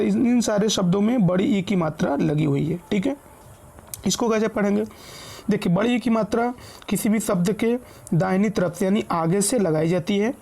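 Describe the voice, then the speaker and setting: A woman with a low, gravelly texture to her voice and a mellow, dark tone. She teaches reading step by step, patiently spelling out each syllable before saying the whole word. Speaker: Hindi teacher.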